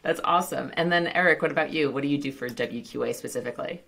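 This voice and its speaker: A woman's voice: rumbling low, fast talker, gravelly, a bit bright, slight background noise. A woman hosting a podcast interview, chatty and jokey, laughing at her own slips and restarting sentences. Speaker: podcast host. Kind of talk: casual interview chat.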